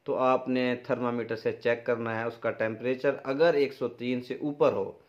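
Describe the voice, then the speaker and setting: A middle-aged man with a Pakistani accent and an average-pitched voice gives informal, practical dairy farming advice to camera. His intonation is fairly even and his pace a little slow, captured in dull, lo-fi sound.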